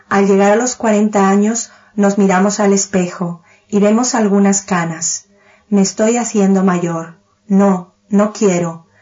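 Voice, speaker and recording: Una mujer que da una charla calmada sobre meditación budista, con ritmo medido y que alarga las palabras que repite. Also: female voice, medium pitch. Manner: measured, slows on repeated key words. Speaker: teacher of Buddhist meditation. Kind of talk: calm spoken dharma talk. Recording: dull, muffled lo-fi recording.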